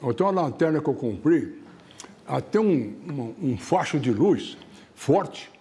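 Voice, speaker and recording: A man's voice: fairly high pitch, big pitch swings, unhurried, warm tone. A man acts out a simple country hunter boasting about his lantern, in an everyday voice. His speech rises and falls a lot, and he sounds proud and matter-of-fact.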